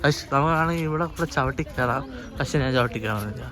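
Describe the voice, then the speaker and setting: A man's voice: mid-range voice, quick pace. A man with a Kerala Malayali accent chatting informally to viewers on a walking vlog, mixing in English words. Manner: informal, addresses viewers as guys constantly. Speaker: vlogger. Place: outdoors in a hill park.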